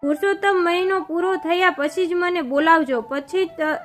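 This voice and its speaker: A woman's voice: extremely high pitch, normal speed, faint music behind. A woman reading as a divine young man, urgent.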